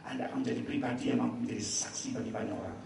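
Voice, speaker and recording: Man, Indonesian pastor, sermon, fast and lively, gravelly, voices his story's characters, very echoey church hall, distant mic. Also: medium pitch. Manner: animated storytelling, acting out dialogue.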